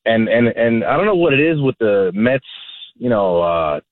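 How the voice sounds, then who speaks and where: A man calling a sports radio show over a phone line, talking casually in a halting, repetitive, exasperated way. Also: medium pitch, big pitch swings, slight background noise. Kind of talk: casual sports fan talk. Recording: narrow, tinny phone line.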